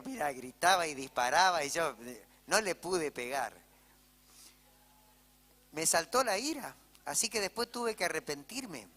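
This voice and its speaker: Bright-voiced Argentine pastor preaching. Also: male voice, fairly high pitch. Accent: Argentine Spanish. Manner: conversational storytelling, frequent "¿sí?" asides to the congregation. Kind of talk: sermon. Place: church. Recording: church hall reverb.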